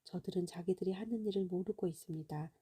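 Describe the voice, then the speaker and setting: A woman reading the words of a gentle, sorrowful male teacher in a slow, half-whispered voice. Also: lowish voice, breathy edge.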